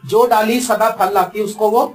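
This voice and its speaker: A male pastor preaching a sermon. He swings between loud, emphatic lines and low, quiet asides. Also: steady tone, over music.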